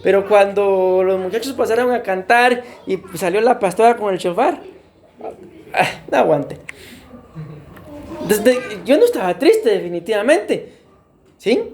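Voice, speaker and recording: A man's voice: sits high, expressive, unhurried, long pauses, a little mellow. A man preaching a sermon as pastor, often addressing his congregation as beloved brothers and putting questions to them. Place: church.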